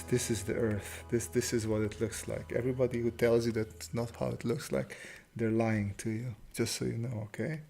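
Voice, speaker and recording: A man voicing a hushed, mock-serious flat-earth conspiracy preacher in a whispered role-play. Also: medium pitch, gravelly, close to an everyday voice.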